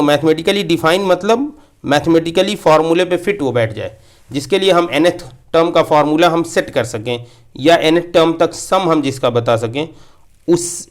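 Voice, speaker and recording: A man with a slightly raised pitch gives a classroom maths lecture. He explains step by step, circles back to repeat key points, and slips English terms into his explanation. The voice sits close to the mic. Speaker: maths teacher.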